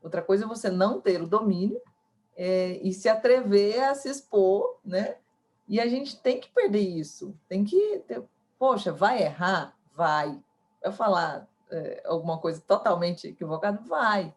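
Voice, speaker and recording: A woman's voice: medium pitch, expressive, a little slow, a little mellow. A Brazilian woman, an English student, talking casually and hesitantly with many fillers. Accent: Brazilian Portuguese. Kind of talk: casual chat, practicing English.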